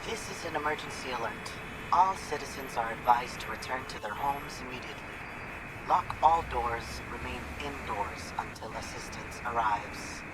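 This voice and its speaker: A man's voice: medium pitch, moderate pace, lightly acted. Man voicing a noisy radio emergency alert announcer. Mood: official, urgent. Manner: formal, commanding.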